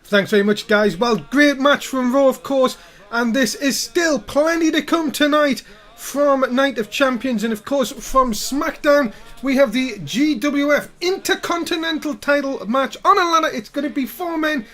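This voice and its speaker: A man's voice: very high-pitched, moderate pace, fairly bright tone. A man hosting a wrestling pre-show, presenting the event like an announcer and putting questions to his panel. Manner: announcer-like, addresses co-panellists and audience.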